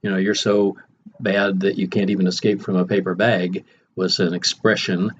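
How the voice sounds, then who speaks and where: Low-voiced older man reminiscing, slightly muffled. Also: level tone, moderate pace. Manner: wry, conversational asides. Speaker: podcast host. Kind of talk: reminiscing storytelling monologue. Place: home library. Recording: muffled, faintly noisy.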